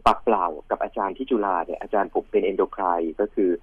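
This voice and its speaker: Brief: male doctor guest on a radio show, fast, reassuring explainer, husky, dry phone sound. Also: low voice, steady tone, dry recording. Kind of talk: radio health call-in answers. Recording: phone line, dull lo-fi.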